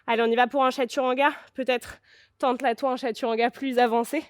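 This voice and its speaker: Woman, yoga teacher, guided class, encouraging, fairly high voice, dry close sound. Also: level tone, fast, dry recording. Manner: encouraging, cueing breath and poses.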